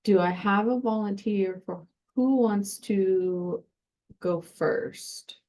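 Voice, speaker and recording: A woman's voice: mid-range voice, takes it slowly, mellow, low-quality recording. A woman chairing a meeting, giving updates in an informal way.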